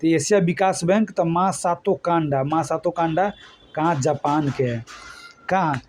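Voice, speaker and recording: A man, teaching an exam coaching lesson. He talks loosely and repeats himself, firing quick questions at his students and answering them himself. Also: on the high side, slight background noise. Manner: colloquial, repetitive, quizzing the students. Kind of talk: mnemonic lesson for exam prep.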